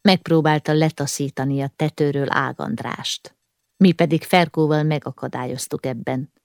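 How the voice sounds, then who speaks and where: A grim young man speaking in short, flat sentences, as a woman reads him in an audiobook. The voice sits low and dry, close to the mic. The reading stays near the narrator's own voice. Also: vocal fry, no echo. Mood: grave.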